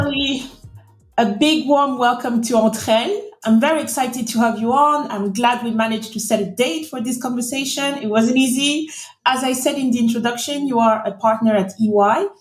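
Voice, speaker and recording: Woman podcast host over faint music. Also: a little high. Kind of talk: scripted intro and interview questions. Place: London.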